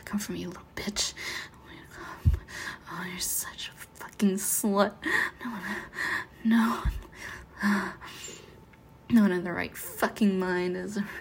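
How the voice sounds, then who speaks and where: A woman playing a sadistic, unhinged female killer in an adult audio roleplay, talking in a breathy whisper broken by laughs. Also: mid-range voice, fairly even intonation, unhurried, long pauses, a little hiss or hum, lightly acted. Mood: taunting whisper.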